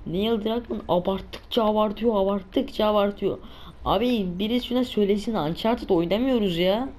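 A woman's voice: medium pitch, normal speed, a little mellow, slight background noise. A woman giving let's play commentary, exasperated and cursing at enemies. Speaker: gamer playing a survival shooter.

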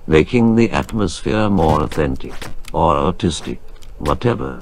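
This is a synthetic male voice that sounds plainly robotic. It sits very low and moves at an unhurried, even pace, reading each donation message in the same flat, machine-made way. A faint hiss runs beneath it. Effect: robotic text-to-speech voice.

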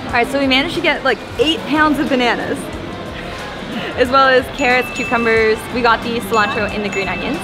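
A woman's voice: fairly high pitch, fairly even intonation, a little fast, music in the background, low-quality recording. A young woman vlogging at a busy covered market, talking in a bubbly, chatty way and often laughing, filmed on a handheld camera. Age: young adult. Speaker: travel vlogger. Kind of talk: casual vlog chat. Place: large covered outdoor food market. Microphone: handheld camera at arm's length.

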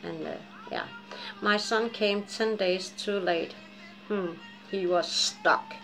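This vlogger is a woman in her forties from Japan and Denmark whose accent mixes Japanese and Danish. She speaks slowly in a medium-pitched, fairly bright voice, rambling, laughing and swearing freely while chatting candidly to her webcam in a dim living room. Faint music sits behind a low-quality recording.

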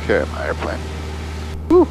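A young man, a student pilot, speaking casually and a bit hesitantly over a pilot headset intercom. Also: moderate pace. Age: young adult. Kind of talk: casual chat and radio calls. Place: small propeller plane cockpit in flight. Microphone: aviation headset boom mic. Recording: headset intercom with clear engine noise.

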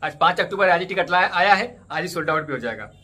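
A man's voice: high-pitched, expressive, quick pace, bright, forceful tone. A man in his thirties talking casually to camera, walking viewers through app steps and repeatedly asking them to subscribe and join his channels. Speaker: cricket ticket update YouTuber. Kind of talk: casual tutorial vlog. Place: indoors in front of a green screen stadium backdrop.

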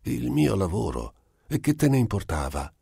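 A man's voice: sing-song, normal speed, gravelly, mellow, slightly rough, dry recording, studio quality, heavily acted. A man reading an audiobook, voicing a timid elderly scientist who protests fussily in a raised voice. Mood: protesting. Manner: fussy, pleading, higher put-on voice. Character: elderly male scientist, timid, gently irritable.

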